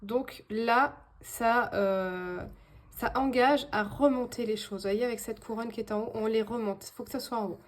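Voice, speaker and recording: A woman's voice: on the high side, normal speed. A woman giving a casual tarot reading to her viewers, hesitant, with many fillers and restarts. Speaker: tarot card reader.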